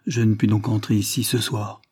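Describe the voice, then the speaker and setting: A man reading as a courteous gentleman lawyer. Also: lowish voice, little pitch movement, normal speed, husky, dry recording, clean studio sound.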